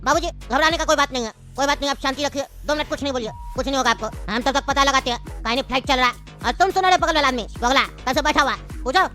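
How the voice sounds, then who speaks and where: A woman's voice: high-pitched, fast, hardly any pauses, bright, forceful tone, faint music behind. A woman voicing a worried grown son in a cartoon who soothes his father. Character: worried adult son on the phone.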